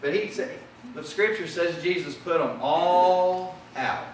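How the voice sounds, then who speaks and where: A man's voice: high voice, slow pace, very echoey, distant mic, slight background noise, low-quality recording. A man preaching a sermon with impassioned delivery that rises and falls in volume. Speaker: pastor. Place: church sanctuary.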